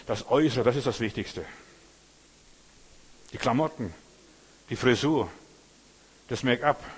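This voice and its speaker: A man's voice: mid-range voice, slightly rough. A man preaching a sermon in an earnest, repetitive way, often addressing the listener directly.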